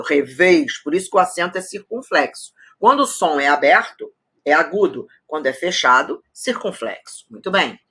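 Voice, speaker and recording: Lively, bright-voiced woman teaching grammar. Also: low-pitched. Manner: didactic, spells out rules slowly, checks in with students. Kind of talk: recorded online grammar lesson. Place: studio.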